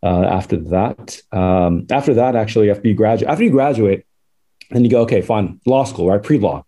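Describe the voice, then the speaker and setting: Speaking fairly quickly in a lowish, dark-toned voice, a man in his forties from Southern California shares his life story as a podcast guest. The casual interview is chatty and meandering, punctuated by plenty of laughter.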